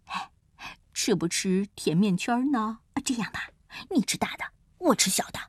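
A woman doing a deep, smug big tiger. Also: lively intonation, normal speed, husky, no room sound, clean studio sound. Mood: coaxing. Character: big bossy male tiger, smug then coaxing. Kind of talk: storybook read-aloud.

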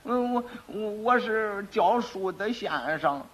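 A man's voice: high voice, steady tone, brisk. A man with a Beijing accent playing an elderly quack medicine seller who stammers and pleads. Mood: pleading. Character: elderly male quack selling fake medicine, fawning.

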